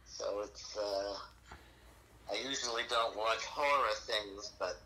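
Old guy in his 70s on a phone call, chatty and rambling, sharp lowish voice. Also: slight background noise. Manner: chatty, drawn-out and meandering. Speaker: caller on the phone. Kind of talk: casual phone chat.

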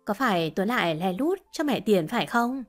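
A woman's voice: mid-range voice, expressive, normal speed, soft background music, lightly acted. Woman playing a spiteful young wife, mocking, scornful.

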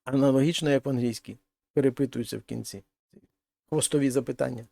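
A man's voice: medium pitch, fairly even intonation, fast, vocal fry, warm tone, no room sound, clean studio sound. A man teaching a language lesson, explaining grammar step by step and translating each example sentence. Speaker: Spanish teacher.

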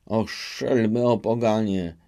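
A man's voice: fairly low pitch, measured pace, a little mellow. A man doing a blustering old noble knight. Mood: furious. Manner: bellowing, scolding.

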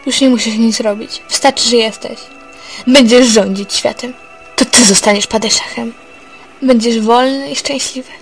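A woman's voice: a little high, fairly even intonation, normal speed, faint music behind, natural voice. A woman reading the lines of a sultana devoted to her brother, in a passionate, vowing voice.

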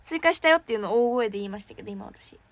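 A young woman, an idol trainee, chatting casually on a livestream and reacting excitedly to fan messages. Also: a little high, racing. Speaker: idol trainee streaming to fans.

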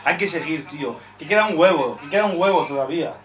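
A man's voice: fairly high pitch, fast, distant mic. A young man from Spain reacting to a live football match, frustrated and swearing often. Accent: Spanish from Spain. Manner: frustrated, swears often, shouts at big chances. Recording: roomy echo, off-mic.

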